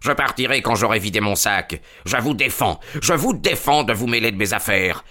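A man voicing a huge, furious old country doctor who bullies and threatens, shouting fast in an audio drama reading. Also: fairly low pitch, expressive. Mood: furious, threatening.

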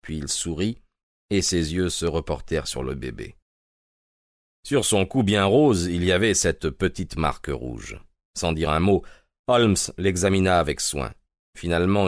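A man narrating an audiobook in a calm, measured manner. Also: sits low, no echo, studio quality.

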